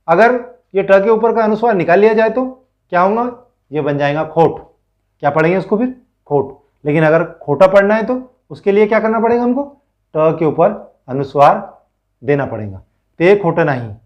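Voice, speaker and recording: A man's voice: high-pitched, animated, normal speed, muffled recording. A male teacher explaining a school lesson, reading lines aloud, repeating words and asking pupils questions.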